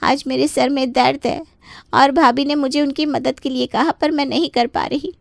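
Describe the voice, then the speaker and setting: Scheming young woman in a cartoon story, voiced by a woman, high voice, sly, taunting, dry studio sound. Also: animated, normal speed, a bit bright, smooth, no echo. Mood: whining. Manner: sly, taunting, fake-innocent whining. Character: scheming young married woman, spiteful sister-in-law. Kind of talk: Hindi cartoon voice acting.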